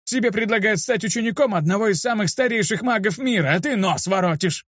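A man voicing a grumpy old male mage with a creaky, gruff voice, in a dull, dry lo-fi recording. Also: high voice, expressive, moderate pace, no echo, voice pushed up. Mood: scolding. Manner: gruff, scolding.

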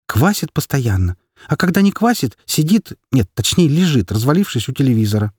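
A man's voice: mid-range voice, very animated, fairly quick, darkish tone, slightly rough, no room sound, studio quality, pitched above the performer's own voice. A man doing a scolding, exasperated mother. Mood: complaining. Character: harried Soviet-era mother, woman in her thirties.

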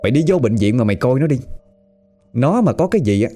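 A man voicing an enraged friend who yells and curses at a woman. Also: mid-range voice, sing-song, fast, faint music behind. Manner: yelling, cursing. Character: furious grieving male friend.

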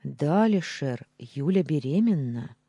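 A man's voice: a little high, lively intonation, a little slow, mellow, husky, no room sound, highs cut off, heavily acted. A man doing a stammering flustered doctor. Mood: hesitant. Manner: hesitant, stammering.

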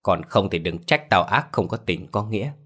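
A man voicing a cunning, vicious female ghost who begs and threatens in a low voice. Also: animated, moderate pace, a bit bright, full character voice. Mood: menacing. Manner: pleading then menacing and mocking.

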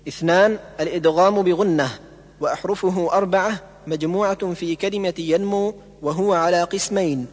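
A man reading a lesson on Quran recitation rules aloud, going through each rule point by point in a measured way. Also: high voice, darkish tone, in a large hall.

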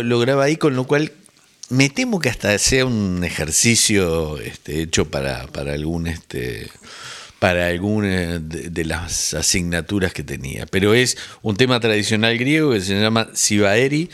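Deep-voiced man rambling on radio. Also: normal speed, fairly bright tone. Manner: rambling, thinking aloud with many fillers. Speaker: radio music show host. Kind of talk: casual radio chat presenting songs.

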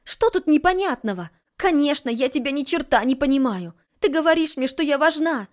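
Blunt passionate young heroine as a woman reads her, emphatic, high bright pitch, audiobook. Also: expressive, takes it slowly. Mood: indignant. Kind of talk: audiobook dialogue reading.

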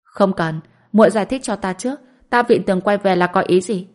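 A woman's voice: mid-range voice, a little fast, darkish tone, close to an everyday voice. A woman voicing a flustered young husband in an audiobook, asking puzzled, pressing questions. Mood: exasperated. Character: young man, easygoing but flustered husband. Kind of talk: audiobook character voice.

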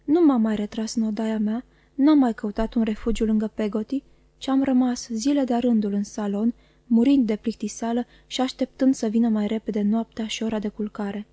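A woman reading a classic novel aloud as audiobook narrator, calm and measured. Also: a little high, no room sound. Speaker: audiobook reader. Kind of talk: scripted narration.

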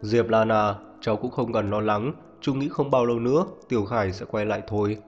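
A man voicing a calm middle-aged father who speaks softly and reassuringly. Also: fairly low pitch, fairly quick, lightly acted. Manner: soft, reassuring. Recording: muffled reverberant audio, faint music.

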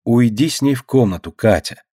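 A man voicing a tired, gentle elder sister who speaks softly and quietly. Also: medium pitch, lively intonation, fairly quick, breathy edge, dry recording, studio quality. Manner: soft, quiet, weary.

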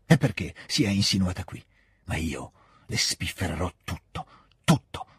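A man's voice: low-pitched, big pitch swings, normal speed, a bit bright. A man reading aloud, voicing a bitter, spiteful young princess who speaks in vehement outbursts. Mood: indignant. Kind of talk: audiobook reading.

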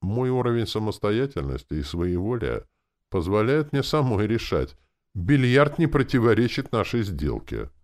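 A man's voice: fairly low pitch, very animated, moderate pace, pitched above the performer's own voice. A man reading an audiobook, voicing a wilful, mocking female demon. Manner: sarcastic, teasing.

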